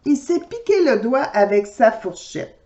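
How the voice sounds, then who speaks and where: Slow, animated storyteller woman. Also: a little high, dull audio. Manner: lively, slow and expressive, talking directly to children. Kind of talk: children's storybook read-aloud.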